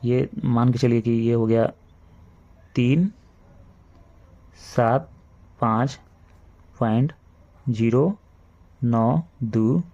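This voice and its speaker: A male maths teacher with a Bihari Hindi accent walks children through sums one step at a time. His voice sits at an ordinary middle pitch, and he repeats key points patiently. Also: warm tone, highs cut off. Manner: slow, repetitive step-by-step explaining, addresses children. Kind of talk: classroom maths lesson.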